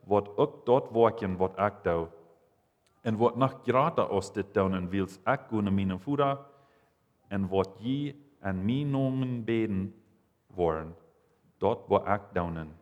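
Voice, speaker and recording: A man reading Bible passages and commenting, halting and restarting as he goes. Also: fairly low pitch. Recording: long reverb, hall.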